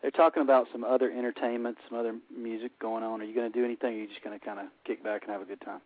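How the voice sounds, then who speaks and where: A man with an Alabama Southern accent calls into a radio show and co-hosts the interview, chatting in a folksy way full of fillers. His medium-pitched voice is level and racing, heard dry and tinny over a telephone line with no room sound.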